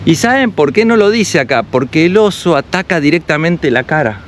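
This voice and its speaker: A man's voice: on the high side, animated, moderate pace, a little hiss or hum. An Argentine man giving casual walking commentary for a travel vlog, reading signs aloud and explaining them. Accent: Argentine Spanish. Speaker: travel vlogger. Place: outdoors in a mountain village.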